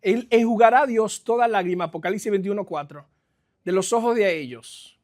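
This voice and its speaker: A middle-aged male pastor preaching a sermon in a church, swinging between loud exclamations and quiet stretches and slipping English phrases into his speech. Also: sits high, moderate pace.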